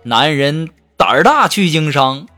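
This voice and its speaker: A playful man tells jokes in a teasing, chatty monologue. His voice sits a bit high and swings up and down a lot. Music plays clearly behind him. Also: sing-song, measured pace. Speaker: comedic storyteller. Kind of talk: humorous monologue. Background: background music.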